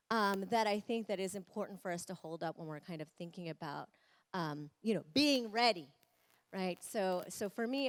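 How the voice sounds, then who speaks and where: Earnest woman speaking on a panel. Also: fairly high pitch. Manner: earnest, reflective, building points step by step. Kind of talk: conference panel discussion. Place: conference panel.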